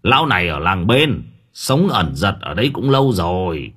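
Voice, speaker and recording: A man's voice: low-pitched, sing-song, a bit bright, slightly rough, exaggerated voice. Man doing a cocky young village thug. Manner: cocky, fast and mocking. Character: brash young male hired thug, swaggering and crude.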